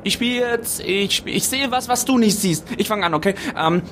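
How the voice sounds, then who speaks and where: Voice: medium pitch, normal speed, fairly bright tone, close to an everyday voice. An adult performer voicing a nagging, insistent eight-year-old boy in a radio comedy sketch, with faint noise behind. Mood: whining.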